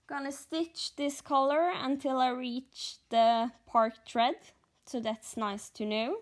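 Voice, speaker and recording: A Norwegian woman with a Norwegian accent talks through her cross-stitching in a very slow, drawn-out way. Her voice sits a little high, and she sounds sleepy and methodical, pausing between phrases while she works. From Norway. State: sleepy, only a few hours of sleep. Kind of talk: slow stitch-along commentary.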